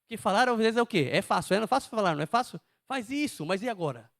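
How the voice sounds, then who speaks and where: A man's voice: high voice, animated, racing, creaky, fairly bright tone, no echo. A man preaching a sermon to a congregation, emphatic and often asking them questions.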